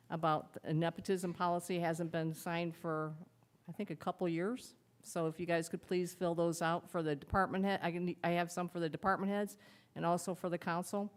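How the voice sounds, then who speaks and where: A woman who is clerk treasurer, giving her report at a council meeting in a chatty, hesitant way. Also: on the low side.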